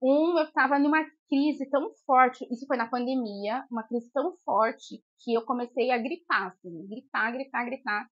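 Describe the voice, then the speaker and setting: A woman in her thirties chats casually on a podcast, her voice sitting high. She tells stories with energy, acting out what people said. The sound is dry and somewhat dull. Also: moderate pace, few pauses, no room sound. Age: 30s. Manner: animated storytelling, acts out quotes with rising pitch. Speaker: podcast co-host. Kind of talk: casual chat.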